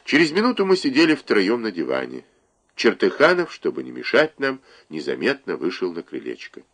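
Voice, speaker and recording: A man narrating a literary novel in a measured, expressive reading voice. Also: mid-range voice, vocal fry. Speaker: audiobook narrator.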